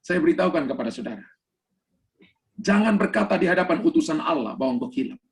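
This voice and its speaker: A man's voice: on the high side, animated, quick pace. A man preaching a sermon over a video call, emphatic and storytelling, slipping English phrases into his talk. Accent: Indonesian. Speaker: pastor.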